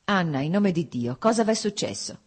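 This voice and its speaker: A tense young nobleman from a storybook reading, pleading yet cold and guarded, read by a woman in her own low, husky voice. There is little change from the narrator's natural sound. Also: very animated, moderate pace. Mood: strained.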